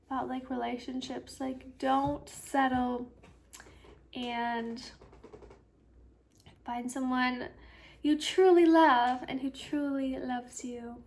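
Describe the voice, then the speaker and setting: A woman's voice: high-pitched, creaky. A woman hosting her own podcast, chatting casually and rambling with lots of fillers, sounding sleepy and yawning. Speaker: podcast host. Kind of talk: casual solo podcast chat.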